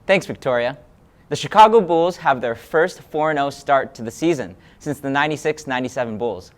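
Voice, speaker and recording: A man's voice: medium pitch, expressive, brisk. A young man hosting a student sports news show, reading his script in an upbeat, playful anchor manner.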